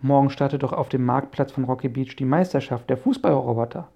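A man reading a friendly inventor professor in an audiobook, calm and explaining, with a gravelly voice. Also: mid-range voice, a little fast, highs cut off. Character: friendly middle-aged male inventor professor. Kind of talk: audiobook character voice.

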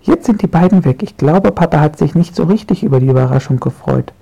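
Storybook little girl witch, cheerful, high and excited, done by a man. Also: fast talker, vocal fry. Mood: chatty. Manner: bright, excited calling.

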